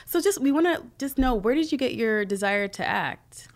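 A woman's voice: on the high side, expressive, moderate pace. A woman co-hosting a podcast, asking the guest questions and affirming him often. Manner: affirming, asks questions with frequent mm-hmms. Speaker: podcast co-host. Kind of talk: podcast interview.

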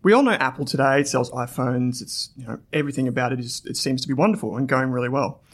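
An Australian man hosting an investing podcast reads an ad, then tells his guest a story in a chatty style full of fillers. He has a mid-range voice and talks at a quick pace.

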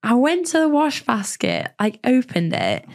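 A woman hosting a podcast in casual chat, her voice weak and husky because she is poorly. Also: a little high, huge pitch swings, unhurried, a little mellow. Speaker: podcast host.

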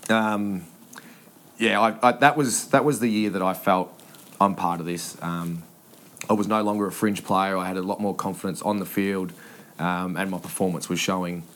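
Deep-voiced Australian man, laughing storyteller. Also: fairly even intonation, a bit bright. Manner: laughs often, halting with many ums and restarts. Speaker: former footballer, podcast guest. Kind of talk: casual storytelling interview.

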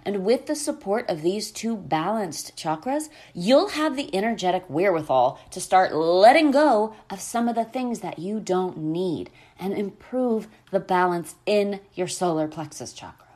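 A woman's voice: mid-range voice, lively intonation, unhurried, hardly any pauses, darkish tone. A woman hosting a podcast, talking in a conversational way straight to her listeners. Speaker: podcast host.

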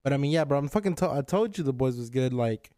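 A man co-hosting a podcast in casual, rambling chat, swearing and clearing his throat often. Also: mid-range voice, animated, quick pace, mellow, dry recording, clean studio sound. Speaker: podcast co-host.

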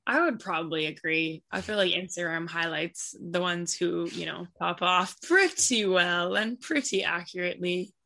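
A woman soccer player answers interview questions in a relaxed way, her speech packed with "like" and "you know." Her voice is low and creaky, and she talks at a normal speed with few pauses.

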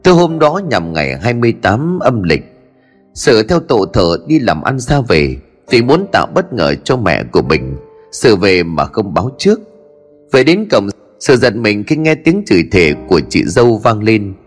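A man's voice: fairly low pitch, very animated, normal speed, soft background music. A man narrating a ghost story in a dramatic storytelling style.

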